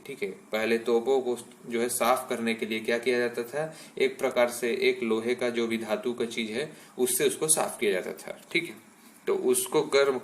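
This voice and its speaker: A man teaching a science lesson with the patient rhythm of a classroom lecture, speaking in an average-pitched voice. He pauses often to check in with his students before moving to the next point, and he slips English terms into his explanations. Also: slight background noise. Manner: explanatory, checks in with "ठीक है" after nearly every point.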